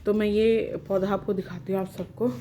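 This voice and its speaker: A woman's voice: medium pitch, little pitch movement, moderate pace, dark tone, a little hiss or hum. A young woman tells a rambling personal story to camera, her tongue and lips sore so she talks carefully around the pain. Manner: rambling, restarting sentences, talking carefully around mouth pain. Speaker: vlogger.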